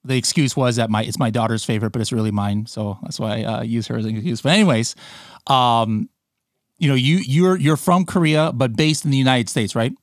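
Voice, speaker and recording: A man's voice: medium pitch, a little fast, no echo, studio quality. A man hosting a podcast, chatty and upbeat, joking about himself with many fillers. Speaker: podcast host. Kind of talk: casual interview chat.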